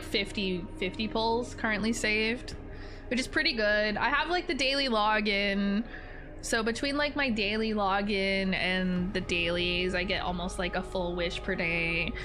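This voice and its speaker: A woman's voice: mid-range voice, moderate pace. A woman streamer giving casual, rambling reaction commentary on a video game, jokey and informal. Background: game music.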